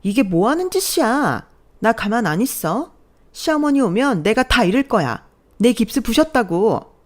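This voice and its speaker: A woman voicing a spoiled, arrogant young sister-in-law with a shrill, high voice. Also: very animated, moderate pace. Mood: panicked.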